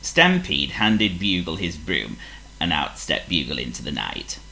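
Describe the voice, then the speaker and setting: A man reading a children's story aloud as storyteller, slow and expressive. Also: a bass voice, vocal fry, poor audio.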